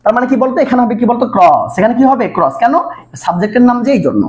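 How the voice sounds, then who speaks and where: Fast-talking man tutoring. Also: extremely high pitch, very animated, darkish tone. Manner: repetitive coaxing, constant quiz questions to students. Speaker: English tutor. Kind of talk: live online exam-prep class.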